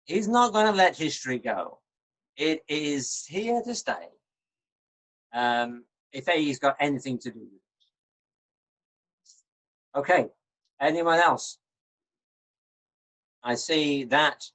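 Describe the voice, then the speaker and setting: An older man, giving an online lecture in a measured, encouraging, teacherly way. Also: fairly high pitch, lively intonation, fairly bright tone, poor audio. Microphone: video call.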